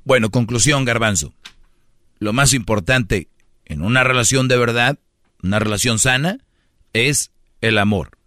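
A man hosts a talk radio show, speaking firmly in a lecturing, teasing way. His voice sits in a middle pitch, recorded dry and close with no room sound. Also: a little slow, pauses often, sharp tone, dry recording. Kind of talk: casual radio banter.

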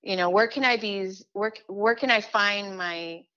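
This musician, singer-songwriter and teaching artist, a woman from Chile and the United States, answers interview questions in an earnest, emphatic, conversational way, frequently repeating herself. Her voice sits at medium pitch and moves at a moderate pace. It sounds pushed and bright, with the highs cut off.

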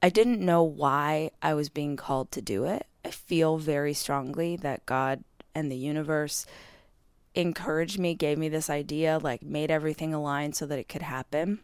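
Woman, low pitch, swollen-throat scratchy voice, strained, chatty podcast host, candid, dry close recording. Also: steady tone, moderate pace, darkish tone, clear, resonant tone, dry recording. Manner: candid, self-deprecating, addresses listeners directly. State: vocally strained from hours of speaking on tour. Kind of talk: chatty solo podcast monologue. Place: hotel room.

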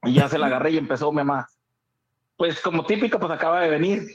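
A man's voice: a little high, fast, muffled recording. A man, a radio co-host telling a funny family story in casual chat, laughing and acting out the quotes.

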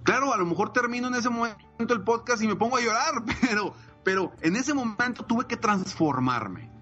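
A man's voice: extremely high pitch, animated, moderate pace, pushed and bright, husky, dull audio, soft background music. A man, a coach and podcaster, talking emphatically and enthusiastically in a casual podcast chat. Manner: enthusiastic, emphatic, frequent fillers like "eh" and "pues".

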